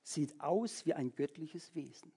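A preacher reading out the words of an astonished, proud ancient king in a slow, raised voice. The voice is husky. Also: mid-range voice, expressive, mellow, pitched below the performer's own voice. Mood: proclaiming.

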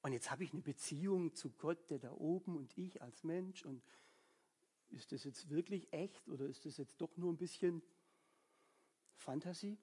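A man with a high, husky voice delivers a sermon. He talks to his listeners as if chatting with them, keeps tossing in quick "ja?" check-ins, and slips into the inner voices of the people in his stories. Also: warm tone. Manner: conversational, frequent "ja?" tag questions; acts out people's inner thoughts. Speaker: preacher.

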